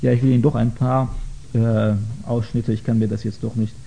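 A man giving a lecture on faith to an audience, earnest and hesitant, often pausing with filler sounds. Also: mid-range voice, flat delivery, gravelly, mellow, slight background noise. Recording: dull lo-fi recording.

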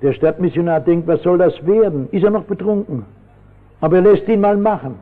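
A high-voiced man preaches with fervour, swinging from hushed asides to sudden shouts as he tells his story. His voice comes through a thin, phone-like old radio broadcast. A long church reverb trails behind every phrase. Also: a little fast. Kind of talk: sermon.

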